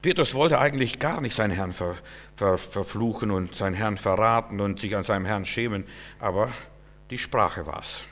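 A male preacher giving a sermon, speaking straight to his listeners and swinging between hushed and loud, emphatic lines. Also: on the low side, a little fast, big-room sound.

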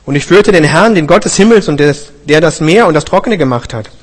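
A man's voice: a little high, animated, a little fast, big-room sound. A man voicing a weary, bitter runaway prophet who pleads and confesses, in a scripture reading. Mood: earnest.

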